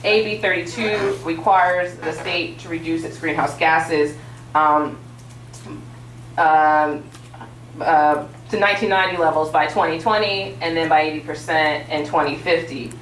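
Low-voiced woman commissioner in a hall. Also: fairly even intonation, a little slow, fairly bright tone, slight background noise. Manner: formal, policy-focused, with many "uh" fillers. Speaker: state utilities commissioner on a panel. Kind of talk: prepared panel remarks. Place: large auditorium stage with audience. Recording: roomy hall sound from a distance.

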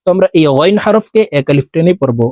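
Male Quran tutor with a Bangladeshi Bengali accent: high-pitched, unhurried, dry close-miked studio sound, spells letters then chants each verse long. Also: lively intonation, a little mellow, no echo. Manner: slow, letter-by-letter teaching with drawn-out chanted recitation. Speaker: Quran recitation teacher. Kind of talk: spelling out and reciting a short surah.

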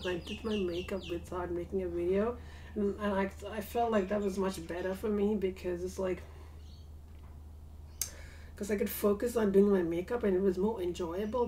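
This is a casual personal vlog from a cramped, cluttered bedroom, where a woman in her 40s talks in a rambling, hesitant way full of fillers. Her medium-pitched voice has a dark tone, and she sits far from the desk-distance webcam mic, with slight background noise.

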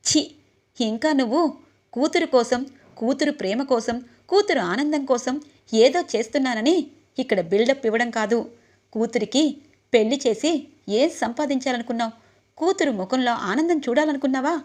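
A woman's voice: high-pitched, normal speed, long pauses, a little mellow, lightly acted. A woman voicing a passionate, defiant young man who speaks out for the woman he loves in an impassioned way.

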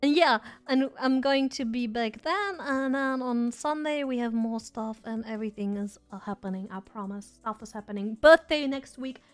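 Soft music plays faintly behind a woman streamer who chats away with hardly any pauses, though her voice is going. Rambling and self-deprecating, she talks at a normal speed in a fairly high voice.

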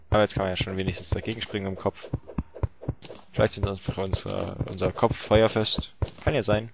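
A young man narrating his own gameplay in a goofy, self-mocking way, his lowish voice jumping into yelps and little shouts. The home recording carries clear background noise and clicking. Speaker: let's play commentator. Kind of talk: casual gameplay commentary.

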